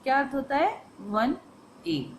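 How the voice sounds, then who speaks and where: High-voiced woman teaching a grammar lesson. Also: big pitch swings, a little hiss or hum, low-quality recording. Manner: asks questions then answers them herself, slow stressed English phrases.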